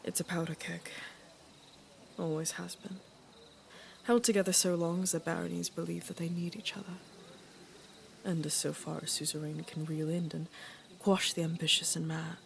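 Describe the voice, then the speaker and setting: A woman plays a wry, careworn aging queen and mother in a dramatic fantasy court audio drama, her low voice edged with gravelly fry. She speaks flatly and deliberately, like a ruler used to obedience, sounding grave and worried yet dryly teasing. Faint noise sits behind her.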